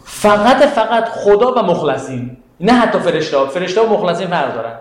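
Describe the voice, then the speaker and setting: A religious teacher with a fairly high, sing-song voice leads a class on Quranic exegesis. He explains things step by step, quotes Arabic verses, and asks his students questions. The classroom has a strong echo.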